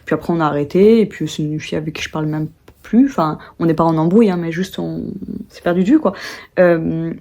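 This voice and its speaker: A young woman from France talks casually to camera from her home. She rambles, fills her pauses and keeps correcting herself mid-sentence, as if working her thoughts out aloud. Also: low voice, warm tone. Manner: rambling, many fillers and restarts, self-correcting. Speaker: vlogger.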